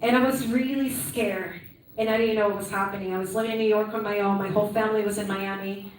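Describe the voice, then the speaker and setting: This Peruvian conference speaker in her thirties talks fast in a steady, mid-range voice, recounting her life in a friendly, upbeat manner and frequently ending with "right?". Faint hiss or hum is present, and the hall sounds echoey from a far-off mic.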